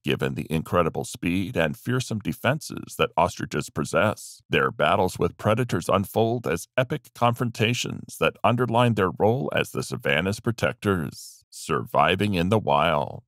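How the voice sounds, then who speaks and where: Deep gravelly male documentary narrator. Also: a bit bright, no room sound, studio quality. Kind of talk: scripted wildlife documentary narration.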